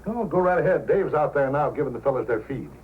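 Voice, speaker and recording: Voicing a confident, good-natured sled-dog racer in an old-time radio drama, an actor sounds folksy, hearty, and fatherly, fairly close to an everyday voice. He talks fast in a mid-range voice with lively intonation. Slight background noise and music come through the dull old recording.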